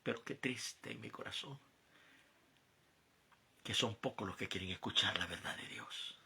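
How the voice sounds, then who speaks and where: A man from El Salvador, preaching a testimony sermon, often quiet and then climbing to loud emphatic peaks. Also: lowish voice, measured pace, gravelly, a little hiss or hum.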